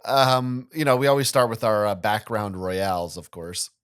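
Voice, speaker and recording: A man's voice: fairly low pitch, moderate pace, fairly bright tone, clean tone. A man co-hosting a gaming podcast, chatty and playful, teasing his co-host as he goes. He reads a scripted intro, then shifts into loose, joking banter. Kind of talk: scripted narration then casual chat.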